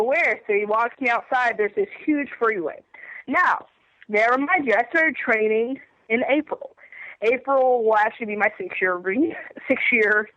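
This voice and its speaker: A woman's voice: a little high, a bit bright, highs cut off, slight background noise. A woman in her twenties, a wrestler being interviewed, telling a story animatedly and laughing often while under the weather. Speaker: guest wrestler.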